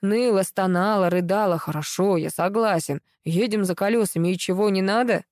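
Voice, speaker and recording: Woman voicing a haughty fortyish husband, slow condescending drawl, mellow dry voice. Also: medium pitch, no room sound, close to an everyday voice. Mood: smug. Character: smug, haughty middle-aged man.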